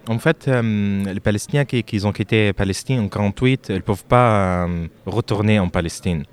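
A man from Lebanon answering interview questions about his music, speaking haltingly with frequent fillers and restarts. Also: on the low side, clear, resonant tone.

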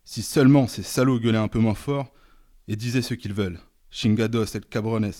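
A man's voice: fairly low pitch, moderate pace, dry recording, studio quality, close to an everyday voice. A man doing a barking, angry estate boss. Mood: scornful irritated. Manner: barking, shouting commands. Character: angry domineering older male estate boss.

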